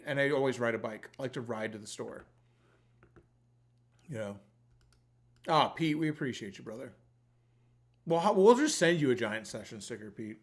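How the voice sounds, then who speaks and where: Casual, sweary man hosting a livestream. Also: medium pitch. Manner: sweary, informal, colloquial. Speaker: livestream giveaway host. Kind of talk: casual rambling livestream chat.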